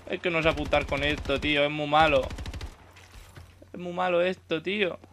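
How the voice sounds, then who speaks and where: A man's voice: a little high, fairly even intonation, moderate pace, a bit bright, slight background noise. A young man with a Spain Spanish accent, commentating his own gameplay casually, swearing and exclaiming at the game. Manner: swearing, exclamatory, self-mocking. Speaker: gaming YouTuber.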